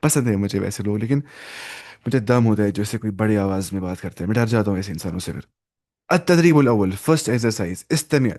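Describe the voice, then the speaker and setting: A man teaching an online Arabic lesson in with English words mixed in, reading Arabic phrases slowly and then explaining them. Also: fairly low pitch, animated, darkish tone.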